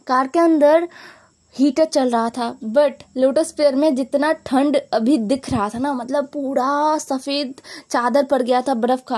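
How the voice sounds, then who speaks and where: A woman's voice: high-pitched, darkish tone. A woman retelling a story in a casual, chatty way, often stopping to explain with asides. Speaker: story narrator.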